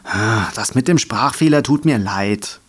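A man's voice: fairly low pitch, expressive, a little slow, husky. A man voicing a cheeky, rowdy male dandelion in a storybook reading, teasing and playful.

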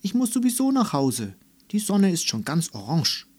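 A man's voice: high voice, wildly swooping pitch, slow, slightly rough, pitched above the performer's own voice, full character voice. A man voicing a cheerful, eager little girl who talks proudly about her game. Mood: excited.

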